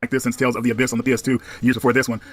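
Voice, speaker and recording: A man's voice: medium pitch, flat delivery, very fast. A man giving casual vlog commentary as he reviews a game collection.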